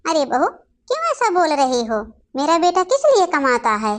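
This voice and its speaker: A mild, soft-spoken older mother-in-law from a cartoon family story, as a woman acts her out. Her voice sits high but quieter and lower than the rest of the household, pleading rather than arguing. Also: big pitch swings, moderate pace.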